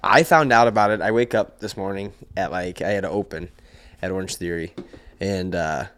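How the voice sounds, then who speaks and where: A man's voice: sits low, normal speed, a bit bright, a little hiss or hum. A man co-hosting a casual podcast in a garage, chatting in an easygoing way with fillers. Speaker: podcast co-host. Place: home garage.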